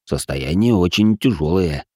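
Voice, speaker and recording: A man voicing a calm young dark mage who questions a patient in measured tones, in an audiobook reading. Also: sits low, no echo, studio quality.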